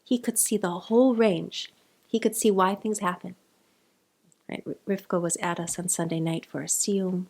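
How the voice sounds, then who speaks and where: A woman's voice: lowish voice, vocal fry, a little mellow, slightly rough. A woman with a South African accent giving an informal Torah class, chatty and digressive, mixing in Hebrew terms. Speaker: Torah teacher.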